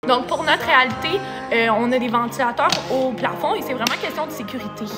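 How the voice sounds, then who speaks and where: Playful high-voiced Québécois woman. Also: fairly quick, in a large hall, loud music behind the voice. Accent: Québécois French. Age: young adult. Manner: playful, laughing, coos and sings to the bird. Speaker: animal educator presenting a parrot. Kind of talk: live-stream animal presentation.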